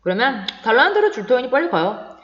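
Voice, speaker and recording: A woman's voice: fairly high pitch, sing-song, fast talker, reverberant, big-room sound, muffled recording. Woman voicing an anxious young student. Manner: impatient, muttering.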